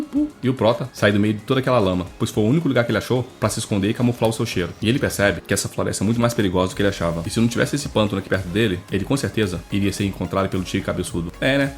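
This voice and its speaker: A man narrates a comic manhwa recap at a very rapid clip, breaking in with jokey asides. His voice sits low, and faint music plays beneath him.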